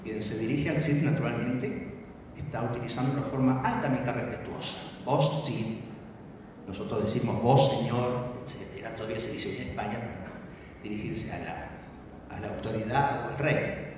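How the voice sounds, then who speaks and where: A man's voice: mid-range voice, moderate pace, noisy background. A man giving an academic lecture, teaching and checking in with his listeners. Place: lecture hall. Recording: echoey hall from far off.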